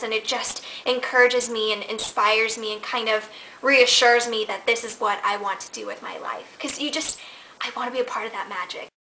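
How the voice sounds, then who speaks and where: Chatty and animated, a vlogger in her twenties from Nebraska gestures with her hands while sharing stories in a casual question-and-answer video. Her voice sits on the high side, and the rough recording carries a little hiss or hum from the camera placed at desk distance in front of her in her living room.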